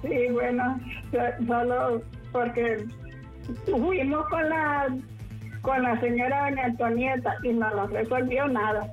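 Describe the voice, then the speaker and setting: A woman in her seventies with a Honduran accent, calling a radio show and pleading haltingly with many restarts. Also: on the high side, fairly even intonation, faint music behind. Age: 70s. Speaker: caller. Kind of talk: phone-in complaint. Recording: muffled phone line into radio.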